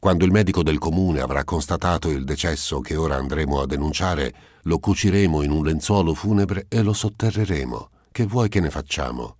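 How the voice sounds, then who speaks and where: A man's voice: very deep voice, fairly quick, few pauses, a little mellow, no room sound, clean studio sound. A man voicing a matter-of-fact young medical student in an audiobook. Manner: plain, practical.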